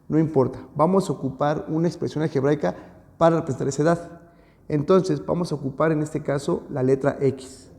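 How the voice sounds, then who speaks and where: A man with a slightly raised, mellow voice walks through an algebra lesson for video. He explains patiently and repeats each key point. The recording has a long reverb tail, as if made in a large room. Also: on the high side, vocal fry. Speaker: math teacher.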